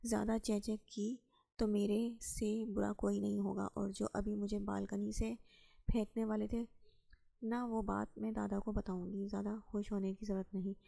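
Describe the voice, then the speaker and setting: A woman's voice: mid-range voice, level tone, creaky, warm tone. A woman reading aloud and voicing a bold, talkative young woman who speaks in a sassy, outspoken way. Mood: defiant. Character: lively chatty young woman, bold and cheeky.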